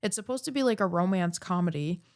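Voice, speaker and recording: A woman's voice: fairly low pitch, lively intonation, quick pace, darkish tone. A woman co-hosting a podcast in casual chat, rambling with lots of fillers. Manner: chatty, rambling with many fillers. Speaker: podcast co-host.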